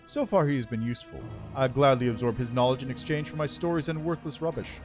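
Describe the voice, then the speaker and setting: A man's voice: medium pitch, quick pace, faint music behind, lightly acted. A man voicing an ancient undead lich from a game, with a dry voice and a pompous, scornful, formal manner. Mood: imperious. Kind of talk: voiced reading of game dialogue.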